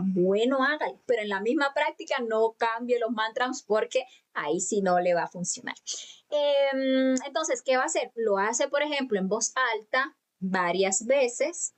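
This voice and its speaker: Woman spiritual teacher, slightly high voice, patient, drawn-out chanting, online lecture. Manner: calm, patient instruction with drawn-out chanted syllables; speaks directly to students, many fillers and restarts. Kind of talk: live online lecture on mantras. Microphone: computer mic for video conference.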